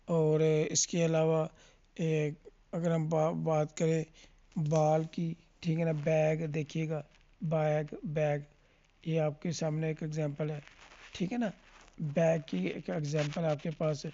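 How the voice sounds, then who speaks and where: An English phonics teacher gives a classroom lesson on letter sounds in a warm, level, mid-range voice. She asks questions, answers them herself, and keeps checking in with the listener. The audio sounds dull.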